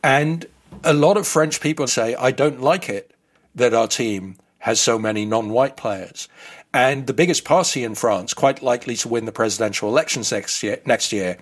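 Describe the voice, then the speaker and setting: A man's voice: medium pitch, normal speed. Man, 50s, grew up in the Netherlands, interview guest, thoughtful, explanatory.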